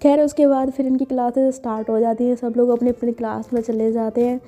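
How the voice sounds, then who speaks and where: Mellow-voiced woman telling a story casually. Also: on the high side, flat delivery, fast talker. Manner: chatty, filler-heavy retelling. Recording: dull lo-fi with faint music.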